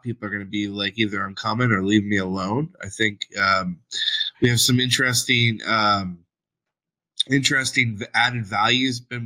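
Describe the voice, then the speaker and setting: A man's voice: lowish voice, sharp tone, rough recording. A man co-hosting a podcast, chatting casually in a rambling way with many restarts. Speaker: podcast co-host. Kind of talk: casual chat.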